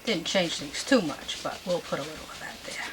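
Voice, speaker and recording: A woman giving an unscripted painting demonstration as a gentle instructor, with homely, folksy, chatty asides. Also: low voice, animated, brisk, noisy background. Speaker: painting instructor and show host.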